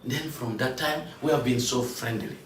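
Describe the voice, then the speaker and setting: A man, a candidate speaking at a meeting and turning animated when he stresses a point. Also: normal speed, slight background noise. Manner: animated, rising to a higher, louder pitch when emphatic. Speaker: parliamentary candidate addressing a security committee. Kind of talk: spontaneous address at a meeting. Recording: echoey room from far off, faint ambience.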